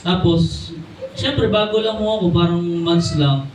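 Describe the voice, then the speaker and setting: A young Filipino man preaches a sermon, his voice sitting high. He keeps addressing the congregation with tag questions and slows down for the key English phrases. The recording is roomy and picked up from a distance, with a faint room hum behind him. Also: a little mellow. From Philippines. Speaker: church preacher. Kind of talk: sermon mixing Tagalog and English. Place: church hall. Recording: echoey room from a distant mic.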